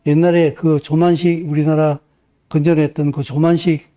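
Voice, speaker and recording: A man's voice: on the high side, flat delivery, moderate pace, warm tone. A male pastor preaching a sermon in a church, impassioned and emphatic, rising to fervent peaks.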